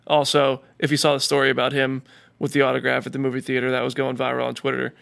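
A man's voice: mid-range voice, completely flat delivery, fast talker, creaky, a bit bright. A man co-hosting a casual chat show, talking animatedly and getting worked up and indignant. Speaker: podcast co-host. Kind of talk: casual chat, raves and rants.

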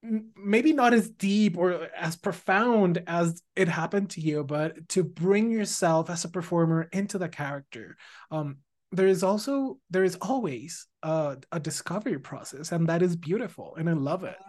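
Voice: mid-range voice, moderate pace, a little mellow. An interviewer asking questions and affirming the guest with encouraging remarks. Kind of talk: conversational interview.

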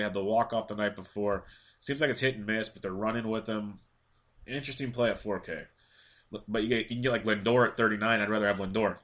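A man's voice: lowish voice, fairly bright tone. A congested man running through daily fantasy baseball picks in a casual rundown, reeling off stats and slipping into a rant. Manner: quick stat-heavy delivery, ranting at times.

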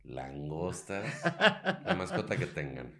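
Hombre, acento mexicano, voz grave, invitado, juguetón, coloquial. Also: male voice, rumbling low, expressive, slow. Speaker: podcast guest. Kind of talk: casual chat.

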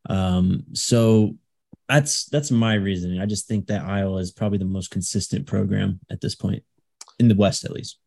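A man's voice: lowish voice, steady tone, normal speed, vocal fry, darkish tone. A man giving casual sports analysis as a podcast panelist.

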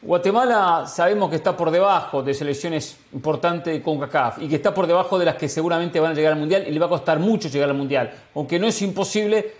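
A male football pundit with a high voice rambles through his analysis, full of fillers and restarts. He pokes fun at himself along the way. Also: fast talker, few pauses. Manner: rambling, filler-heavy, self-deprecating humor. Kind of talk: sports talk show commentary.

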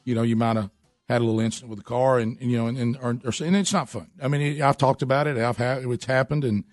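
Halting male radio host, dry studio. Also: mid-range voice, fairly even intonation, no echo, soft background music. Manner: halting, stammering repeats. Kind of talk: casual banter.

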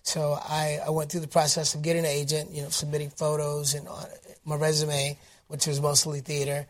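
A man from Detroit, a guest actor telling his career story in a casual interview, animated and upbeat, with plenty of fillers and restarts. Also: fairly high pitch, a little fast. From Detroit, United States.

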